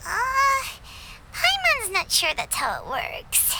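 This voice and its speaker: Squeaky little Paimon, a floating fairy girl. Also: huge pitch swings, takes it slowly, creaky, very noisy, exaggerated voice. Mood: skeptical. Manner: refers to herself in third person, exclamatory. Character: tiny childlike floating girl companion, chirpy and cheeky. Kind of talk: anime video game voice acting. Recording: game music behind the voice.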